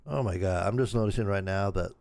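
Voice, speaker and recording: An older man hosting a casual livestream, his voice raspy from a recent sore throat, rambling easily and laughing at himself. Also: low-pitched, fast, darkish tone, no room sound. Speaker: channel host.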